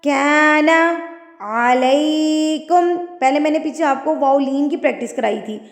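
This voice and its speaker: A woman's voice: high voice, vocal fry, a little mellow, soft background music. A woman teaching Quran recitation rules, patiently explaining each point. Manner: explains patiently, then recites slowly and drawn out. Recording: echoey room with long reverb.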